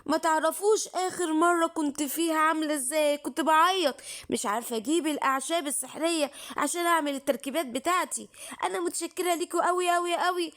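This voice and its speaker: A woman's voice: sits high, fast talker, a bit bright. Worn out old witch begging for help, egyptian accent, tired n pleading woman putting her on. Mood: weary. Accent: Egyptian Arabic. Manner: weary, pleading. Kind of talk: children's bedtime cartoon voicing.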